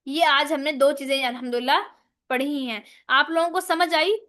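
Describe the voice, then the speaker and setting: Female Quran teacher, high-pitched, methodical explainer, stretches out recited letters. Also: steady tone, bright, forceful tone. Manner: explains step by step, often asks "right?"; recites Arabic letters slowly and drawn out. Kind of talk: online tajweed lesson.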